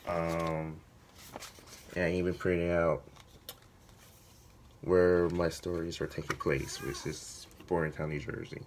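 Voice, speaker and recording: A man with a hoarse voice that is giving out, talking casually to viewers as a vlogger, halting and correcting himself as he thinks aloud. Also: deep voice, level tone, a little hiss or hum. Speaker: video blogger, writer. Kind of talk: casual vlog talk to viewers.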